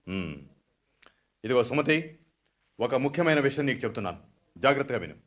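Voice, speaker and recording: A man's voice: mid-range voice, lightly acted. Man doing a bossy strict dad in a radio drama, middle voice, curt orders. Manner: commanding, curt decrees. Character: stern domineering father, middle-aged.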